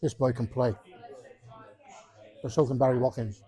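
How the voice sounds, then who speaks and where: A man's voice: mid-range voice, fairly even intonation, normal speed, dark tone. A man giving casual, jokey live commentary on a pool match, rambling and repeating himself. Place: pub during a pool match.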